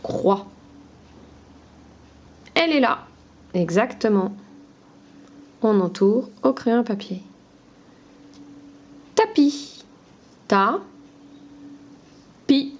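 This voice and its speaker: A woman teaching a phonics lesson to young children, talking slowly and patiently in a sing-song voice. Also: fairly high pitch, lively intonation, a little mellow, muffled recording.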